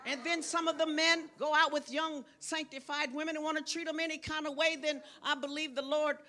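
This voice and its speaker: An older woman preaching as a guest in church, lively with loud bursts of exclamation. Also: sits high, a little fast. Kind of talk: sermon. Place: church sanctuary.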